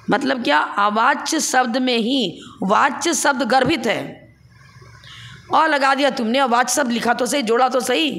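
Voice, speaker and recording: Gravelly-voiced woman teaching scripture. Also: fairly high pitch, a bit bright. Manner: explains step by step, with rhetorical questions. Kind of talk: classroom scripture lecture.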